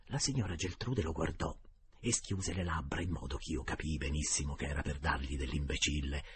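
A man narrating a story aloud with dramatic, animated delivery that slips into whispers. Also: very deep voice, fairly quick, slight background noise. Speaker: audiobook narrator. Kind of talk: storybook reading with voices.

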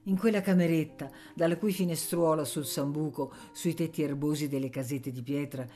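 Low-pitched female narrator, measured audiobook reading. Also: dark tone, faint music behind. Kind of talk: scripted narration.

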